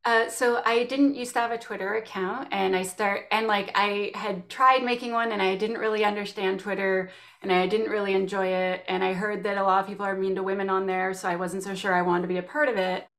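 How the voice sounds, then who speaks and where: A Canadian woman, a guest in a casual interview, telling stories with lively acted-out quotes. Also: medium pitch, fairly quick, few pauses. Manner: animated storytelling, acts out quotes.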